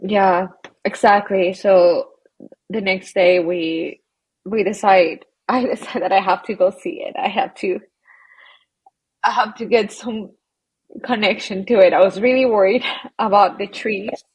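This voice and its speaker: Husky-voiced woman from Colombia. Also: medium pitch, fairly even intonation, low-quality recording. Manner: reflective, halting, laughs softly between phrases. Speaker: guest, psychologist. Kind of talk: casual interview conversation.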